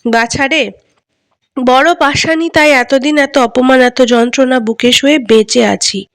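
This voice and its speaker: A woman's voice: sits high, measured pace, no room sound, studio quality. A woman doing a sorrowful grieving queen. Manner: mournful, tender pleading.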